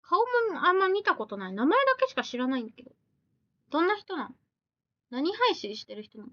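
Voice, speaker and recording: A woman's voice: high-pitched, very animated, bright, forceful tone, no room sound, muffled recording. A woman live streamer chatting casually, reading viewer comments aloud and firing back blunt, teasing retorts. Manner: blunt, teasing retorts mixed with quick questions.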